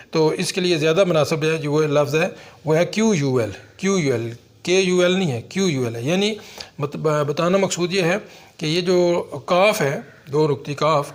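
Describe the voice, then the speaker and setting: Male language teacher, patient and methodical, spells things out twice, voice a touch higher than most. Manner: slow, repeats each spelling twice. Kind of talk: online language lesson.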